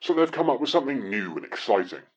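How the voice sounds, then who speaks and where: A man's voice: mid-range voice, big pitch swings, quick pace, husky. An actor playing an eager, over-polite male underling from hell, rambling on while he leaves a voicemail for his boss. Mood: fawning. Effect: voicemail message played back over a phone. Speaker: caller leaving a voicemail. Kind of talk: comic audio drama acting. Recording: dull lo-fi phone playback.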